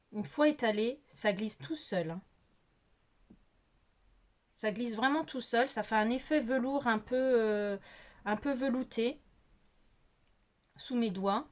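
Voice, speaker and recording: A middle-aged woman chatting casually through a makeup tutorial in her bedroom, filmed on a phone, hesitant and full of fillers, laughing at herself. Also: on the high side. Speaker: beauty vlogger. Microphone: phone camera.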